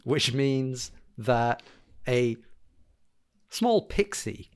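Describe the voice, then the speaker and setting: A man chatting casually as a tabletop game player, haltingly thinking aloud about his moves. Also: medium pitch, animated, clear, resonant tone.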